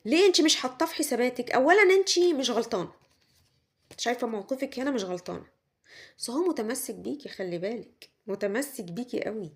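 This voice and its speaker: A woman's voice: a little high, animated, fast. A woman with an Egyptian Arabic accent gives a tarot reading straight to the listener, repeating her points and acting out what others say. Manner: repetitive, speaks straight to the listener, acts out quoted lines. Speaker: tarot reader. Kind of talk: tarot reading monologue to the viewer.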